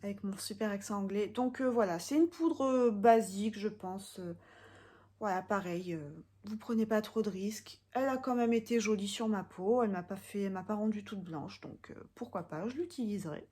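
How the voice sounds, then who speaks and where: A young woman from France talks straight to camera, reviewing makeup in a relaxed vlog. She is chatty and a little hesitant, filling her thoughts with pauses and fillers as she weighs each product. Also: medium pitch. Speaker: beauty vlogger.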